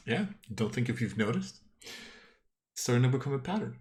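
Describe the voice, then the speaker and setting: A man's voice: medium pitch, very animated, a little fast, darkish tone. A man improvising descriptive, conversational narration as the game master of a tabletop role-playing game.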